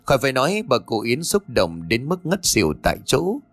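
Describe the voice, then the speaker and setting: A man narrating a horror story audiobook in an expressive, dramatic way. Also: medium pitch, a little fast, no room sound. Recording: dry close voice with faint music.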